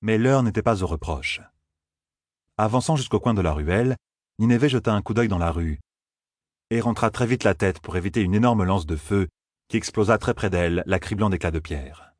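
A man narrating an audiobook in a steady, measured storytelling manner. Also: lowish voice, no room sound, clean studio sound. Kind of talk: scripted narration.

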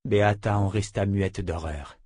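A man reading a dramatic novel aloud as narrator, with a steady narration. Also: fairly low pitch, a little slow, no room sound. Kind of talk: scripted audiobook narration.

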